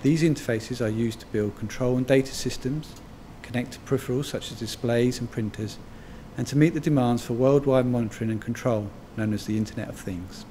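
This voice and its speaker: A man reading a scripted corporate voice-over in a measured, even delivery. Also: mid-range voice, slight background noise. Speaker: company narrator.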